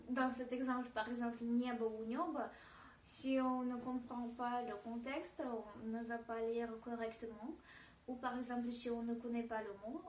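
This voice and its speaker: A woman with a Russian accent, a Russian language teacher, gives a pronunciation lesson in a slightly high voice, speaking hesitantly and repeating example words. She sounds far from the mic, with reverb and a little hiss or hum.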